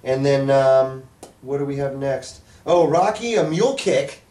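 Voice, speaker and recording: A man's voice: mid-range voice, animated, measured pace, mellow. A man co-hosting a casual wrestling review, joking as he recaps moves in detail. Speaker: co-host of a wrestling review show. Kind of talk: casual sports review chat. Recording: roomy, distant microphone.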